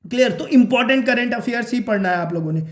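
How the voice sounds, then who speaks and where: A man's voice: very high voice, quick pace. Man tutoring in an echoey room. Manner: keeps checking in with "okay?" and "clear?"; repeats points, addresses viewers as guys and friends. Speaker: exam prep tutor. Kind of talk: casual exam-prep lesson to camera.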